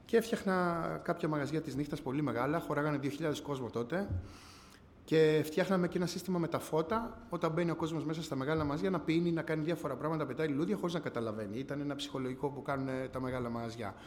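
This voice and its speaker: Man, fairly high voice, earnest church testimony, swelling and dropping delivery, long hall reverb. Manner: earnest storytelling with quick rises and drops in pitch and loudness. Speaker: speaker giving a testimony. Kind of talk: personal testimony to a church gathering. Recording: long hall reverb, faint background noise.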